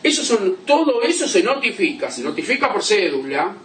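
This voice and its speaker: A man's voice: sits high, very animated, normal speed, fairly bright tone, a little hiss or hum. A male law lecturer, giving a classroom lecture and checking in with "¿sí?" as he explains through examples. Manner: explains with examples, asks "¿sí?" often. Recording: roomy classroom from a distance.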